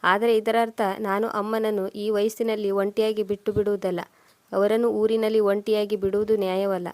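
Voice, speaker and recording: ಮಹಿಳೆ ಓದುವ ಶಾಂತ, ತಾಳ್ಮೆಯ ಗಂಡ. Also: female voice, mid-range voice, normal speed, no echo, natural voice. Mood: reasoning. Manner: calm reasoning delivery. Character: patient dutiful husband Samanth.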